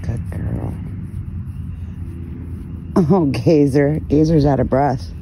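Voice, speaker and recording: A woman in her thirties filming her goats outdoors on her phone, chatting casually, laughing and cooing at the animals in a higher voice. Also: extremely slow, creaky, pauses often. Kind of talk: casual phone vlog narration. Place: outdoors in a farm pasture at sunset. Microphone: phone held while filming. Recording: outdoor phone audio with background noise. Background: goats and outdoor ambience.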